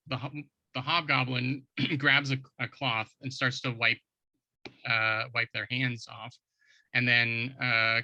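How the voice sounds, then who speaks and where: A man runs a tabletop game as game master, improvising descriptions in a halting, informal way. His voice is very bright and forward, at a middle pitch, with a dry close sound. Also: no room sound, rough recording.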